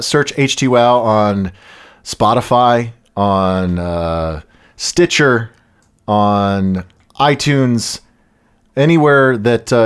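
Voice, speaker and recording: Male podcast host, mid-range voice, relaxed and jokey, filler-heavy plugs. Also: mid-range voice, clear, resonant tone. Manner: loose and jokey, with frequent "uh" fillers. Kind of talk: casual podcast chat and sponsor plugs.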